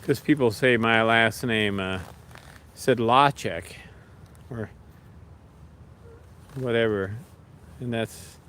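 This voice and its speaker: A man chatting casually with viewers on a livestream, relaxed and rambling, talking to his pets now and then. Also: mid-range voice, slight background noise.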